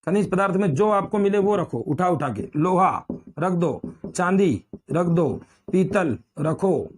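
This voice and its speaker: A man's voice: high-pitched, a little mellow. A man teaching Hindi grammar in a lecture, repeating key words and asking and answering his own questions. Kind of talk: classroom lecture.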